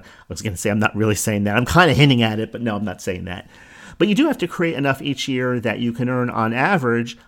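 A middle-aged man from New Jersey with a New Jersey accent, hosting a solo podcast in a conversational, rambling way with self-corrections and asides. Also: mid-range voice. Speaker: podcast host.

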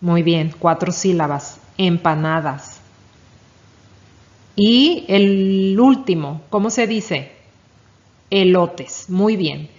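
A woman's voice: medium pitch, animated, takes it slowly, darkish tone. A woman teaching young children their letters, speaking patiently and praising each answer. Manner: patient, encouraging, asks and praises. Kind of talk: children's reading lesson. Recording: dull lo-fi recording.

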